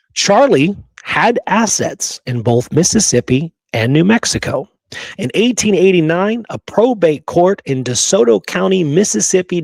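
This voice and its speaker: On his history show, a man with a fairly high, breathy-edged voice and vocal fry presents research emphatically, drawing partly on prepared notes. He keeps checking in with listeners through a rhetorical "right" or "okay." No echo is audible.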